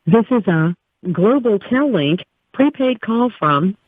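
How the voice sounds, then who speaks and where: This is a woman's prerecorded voice playing as an automated prison phone call announcement. She speaks in a flat, mechanical way at a middling pitch. The sound comes through a thin, tinny phone line. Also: slow pace, slight background noise. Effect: recorded automated prison phone call announcement. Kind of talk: automated phone system message.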